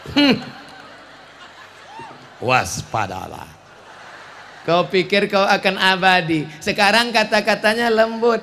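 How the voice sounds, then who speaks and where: A male preacher who delivers an animated, dramatic sermon, joking and acting out voices as he goes. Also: high voice, takes it slowly, pauses often, slight background noise.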